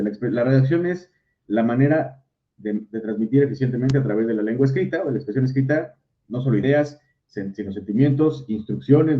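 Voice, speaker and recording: A Mexican man teaching an online class, talking it through with fillers and restarts. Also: mid-range voice. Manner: thinks aloud with many fillers and restarts. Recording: dull lo-fi audio.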